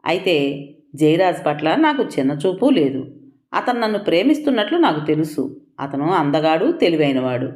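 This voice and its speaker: A sharp-tongued young woman chasing status, mocking and unapologetic, as a female storyteller puts her on. Her lines swing up and down, set in a roomy, echoing space for an audio storybook. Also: low voice, big pitch swings, moderate pace. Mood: scornful. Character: young woman, ambitious, status-hungry, bluntly sarcastic.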